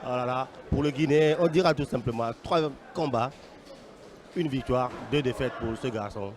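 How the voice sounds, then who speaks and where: A man's voice: mid-range voice, moderate pace, a little mellow. A man commentating live on a fight, unscripted, hesitating and repeating phrases as he goes.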